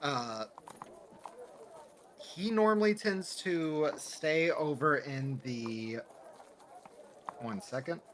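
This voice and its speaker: A man's voice: fairly high pitch, animated, very slow, pauses often, a little hiss or hum. A man voicing a nervous male carpenter drinking ale after work, talking in a hedging, stammering way. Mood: uneasy.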